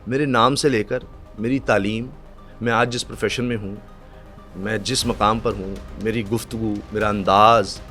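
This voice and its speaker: A middle-aged man from Pakistan, a news anchor telling stories in a podcast chat, acting out quotes and reciting verse slowly. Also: fairly low pitch, steady tone, bright, forceful tone, faint music behind.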